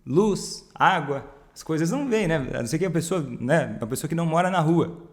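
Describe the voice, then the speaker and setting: A man's voice: a little high, animated, brisk. A man giving conversational advice on a loved one's drinking, asking rhetorical questions and acting out short quotes. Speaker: family counselor on alcoholism. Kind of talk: direct-to-camera advice talk.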